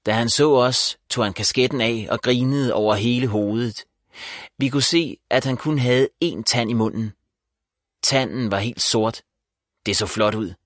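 A man narrating a children's story as an audiobook, in a calm, even storytelling manner. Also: mid-range voice, no echo. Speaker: audiobook reader. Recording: dry close voice.

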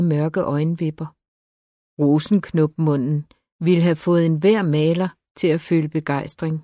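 A woman reads an audiobook novel in a low, mellow voice, calm and measured. The recording is close and dry, with no room around her. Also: no room sound. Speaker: audiobook narrator. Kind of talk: scripted narration.

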